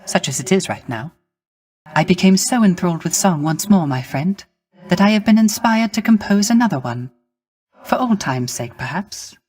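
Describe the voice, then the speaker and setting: A man voices a gentle, melancholy musician of the underworld in a scripted video game performance. His fairly high, husky voice carries formal, courteous speech with wistful, poetic, old-fashioned phrasing.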